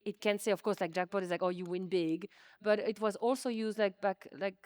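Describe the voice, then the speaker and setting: A woman's medium-pitched voice, darkish in tone and brisk, keeps a fairly even intonation. She is an artist whose native tongue is French, interviewed in a museum exhibition space, talking casually and modestly with plenty of hedging "likes." Dry, studio-quality recording.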